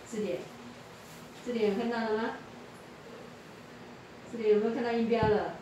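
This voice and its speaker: Woman teacher, patient and repetitive, fairly high voice, very echoey room, heard from a distance. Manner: patient, repeats prompts and quizzes pupils. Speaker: English teacher. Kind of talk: classroom tutoring. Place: classroom. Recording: echoey room from far off, faint noise.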